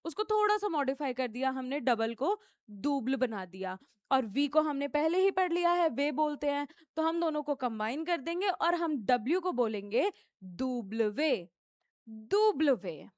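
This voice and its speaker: A woman's voice: high voice, expressive, normal speed, dry recording, clean studio sound. A woman with an Indian accent teaching French letters to beginners, repeating each one with stress and mixing in English. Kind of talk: beginner language lesson.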